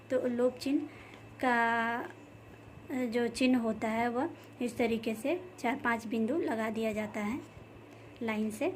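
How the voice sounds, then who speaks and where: A woman teaching a grammar lesson, explaining each point slowly and repeating key terms with many fillers. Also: on the high side, darkish tone, slight background noise. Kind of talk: explaining lesson over slides.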